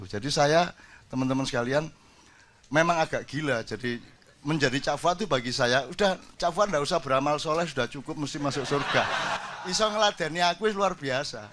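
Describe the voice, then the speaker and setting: A man's voice: medium pitch, fairly bright tone, slight background noise. Joking preacher, older man. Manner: jokey storytelling, switches into Javanese. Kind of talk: casual sermon with anecdotes.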